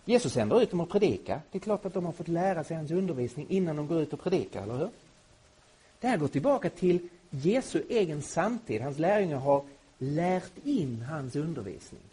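A middle-aged man teaching a Bible lesson to a live audience, emphatic and at times rising to loud indignation. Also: on the high side, very animated, husky.

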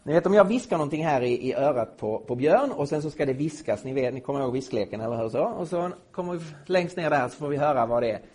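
Husky, emphatic man lecturing a group. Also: on the high side, lively intonation, few pauses. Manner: emphatic, rising to loud indignation. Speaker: Bible teacher. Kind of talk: lecture to a live audience.

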